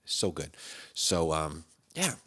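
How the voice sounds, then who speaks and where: Podcast host, man in his thirties, very low voice, congested from a cold, loose rambling jokey delivery. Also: very animated, slow pace, a bit bright. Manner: rambling, jokey, self-deprecating. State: stuffy nose from a cold. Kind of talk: casual solo podcast chat.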